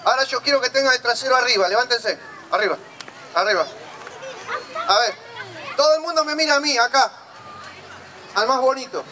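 Speaking fairly quickly with frequent pauses, a puppeteer with a very high-pitched voice and a Rioplatense Argentine Spanish accent leads a workshop. He jokes and teases the kids playfully in an outdoor town square, surrounded by crowd and street noise.

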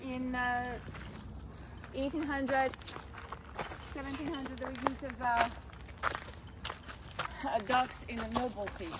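Slow and steady in tone, this high-voiced woman pauses often while earnestly giving dog advice in a casual vlog. The dog owner is outside on a wooded trail, filmed by someone a few steps away on a handheld camera that picks up a lot of noise.

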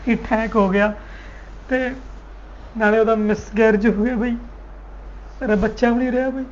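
A man's voice: sits high, fairly even intonation, moderate pace, slight background noise, natural voice. A young man playing a fiancé who speaks in a soothing, protective way. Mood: distraught. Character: young fiancé, caring and anxious. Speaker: groom-to-be. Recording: dull sound under loud music.

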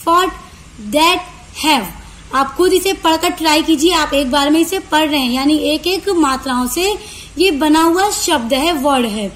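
A woman teacher, explaining a lesson to students. She reads definitions slowly, then explains them in quick, long runs. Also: high voice, fairly bright tone, a little hiss or hum. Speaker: online tutor. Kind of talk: lecture for university students.

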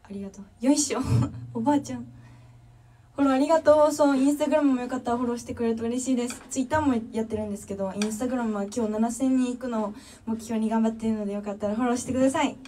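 A woman's voice: on the high side, steady tone, fast, mellow, recorded from a distance, a little hiss or hum. A young woman with a Kansai accent chatting casually on a livestream, reading viewer comments and thanking fans one by one. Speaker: drummer livestreamer.

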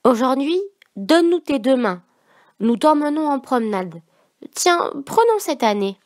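A woman's voice: very animated, measured pace, dry recording, studio quality. A woman doing a chirpy bossy little girl. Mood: excited. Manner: high chirpy child voice.

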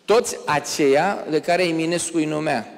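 A man giving a public lecture, telling lively anecdotes and acting out the people in them before a live audience. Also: a little high, gravelly. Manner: animated anecdotes, acts out quoted characters. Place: lecture hall. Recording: long reverb of a lecture hall.

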